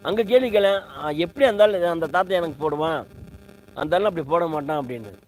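A man rants on a livestream from home, indignant, repeating himself and demanding answers from his viewers. His voice sits a bit high, and a faint hum runs under the recording. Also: expressive, fairly quick, low-quality recording. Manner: indignant, repetitive, rhetorical questions. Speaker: live streamer. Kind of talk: heated livestream rant.

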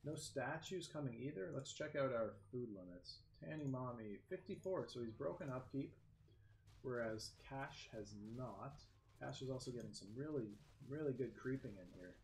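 A man commentating a strategy game match, lively play-by-play that jumps up in excitement. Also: mid-range voice, normal speed, vocal fry. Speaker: game caster. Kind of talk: esports commentary. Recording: echoey room with faint background noise.

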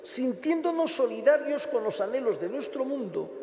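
High-voiced Spanish priest in cathedral echo. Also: male voice, big pitch swings, normal speed, dark tone. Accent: Castilian Spanish. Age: middle-aged. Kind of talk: homily and liturgical prayer. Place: large stone church, indoors. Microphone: gooseneck lectern microphone. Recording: echoey cathedral with long reverb.

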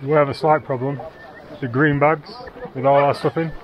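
Man, travel vlogger, outdoors on a trail, handheld action cam, breathy upbeat narration, lo-fi audio. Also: on the high side, steady tone, moderate pace. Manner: breathless, cheerful, upbeat commentary while hiking. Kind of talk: casual vlog narration to camera. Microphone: action camera held at arm's length.

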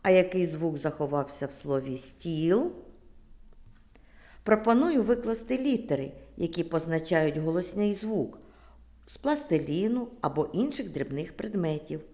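A woman kindergarten teacher with a Ukrainian accent, giving a lesson to preschool children in a slow, clear, sing-song voice that stretches out sounds. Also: fairly low pitch, expressive, dark tone.

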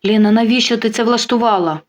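Жінка озвучує самовпевненого чоловіка середніх років, що кидає дружину, а потім розгублено виправдовується й благає. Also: female voice, a little high, fast, close to an everyday voice. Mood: desperate. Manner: blustering, then flustered and pleading. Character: self-assured middle-aged man leaving his wife.

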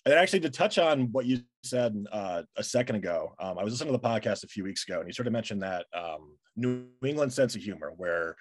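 A man's voice: on the low side, animated, fast, few pauses, no room sound. A young man from Rhode Island interviewing a guest over a video call, eager and chatty with many ums. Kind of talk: interview questions. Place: home room, indoors.

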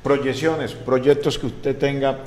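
A man's voice: medium pitch, little pitch movement, takes it slowly, a little mellow. Radio host guy, middle-aged, repeats himself a lot, desk mic, slight noise. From Colombia. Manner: rambling, repeats words. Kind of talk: interviewing. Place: small radio studio.

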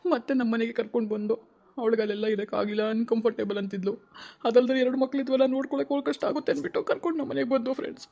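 A man with a Kannada accent speaks to his vlog viewers through tears, circling back over the same phrases. His voice is dark and mellow, and his pitch stays level and flat. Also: very fast, vocal fry. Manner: tearful, pleading, repeats phrases. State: crying. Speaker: family vlog host. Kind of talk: emotional personal vlog talk to viewers.

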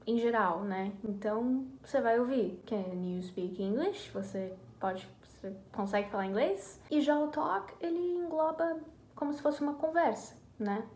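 A woman's voice: a little high, a little mellow. A woman with a Brazilian Portuguese accent, casually explaining English verbs in a chatty, hesitant way as an online teacher. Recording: echoey room with faint noise.

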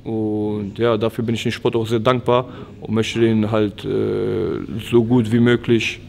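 A man's voice: on the low side, unhurried, vocal fry. A man in his twenties, an MMA fighter, talking casually in an interview, with lots of fillers and restarts. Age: 20s. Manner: relaxed, frequent fillers and restarts. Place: training gym, indoors.

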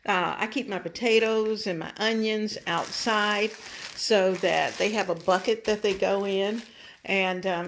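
An older woman chats casually on her home kitchen vlog, offering homespun advice and thankful asides from her indoor kitchen and dining room. Her voice is medium-pitched and a bit bright, with slight background noise in the recording.

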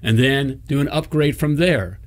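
A middle-aged man hosting a coaching talk show in a studio, speaking into a boom-arm desk mic and driving each point home with "okay?" and "all right?". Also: a little slow. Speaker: host, plumbing business coach. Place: indoor studio set.

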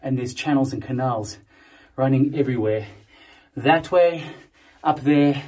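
A man in his thirties, vlogging with a phone at arm's length as he explores mountain caves, talking excitedly. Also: mid-range voice, measured pace, no room sound. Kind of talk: casual adventure vlog. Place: outdoors on a mountain and inside rock caves. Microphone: phone camera at arm's length.

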